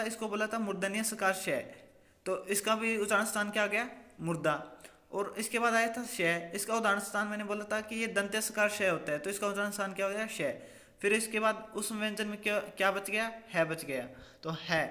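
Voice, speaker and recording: In a room full of long, echoing reverb, a man with a high-pitched, pushed, bright voice teaches grammar for an exam. He keeps quizzing, posing questions and answering them himself, and goes over key points again and again.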